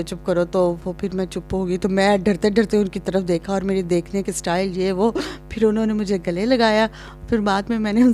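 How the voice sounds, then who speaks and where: A woman from Pakistan telling a childhood story to her channel's viewers in a chatty way, growing lively as she acts out scenes. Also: mid-range voice. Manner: chatty, reenacts scenes with rising excitement. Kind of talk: casual storytelling to camera.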